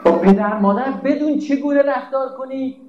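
A man's voice: extremely high pitch, a little mellow, reverberant, muffled recording. A man giving a religious sermon, emphatic and scolding, asking rhetorical questions. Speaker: preacher.

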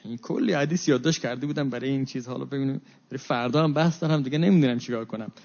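A man giving a religious talk to an audience, animated and acting out quoted exchanges with sudden rises and drops in his voice. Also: mid-range voice. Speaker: religious lecturer. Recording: dull lo-fi recording.

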